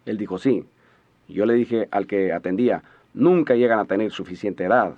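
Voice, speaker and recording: A man interpreting a sermon in a steady, measured voice-over. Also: on the low side. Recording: dull lo-fi audio.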